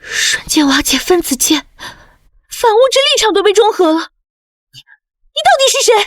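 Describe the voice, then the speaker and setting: A woman's voice: on the high side, sing-song, normal speed, breathy edge, no echo, studio quality. A woman voicing a proud, scheming young academy elite with a haughty, spiteful manner in a motion comic. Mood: shocked.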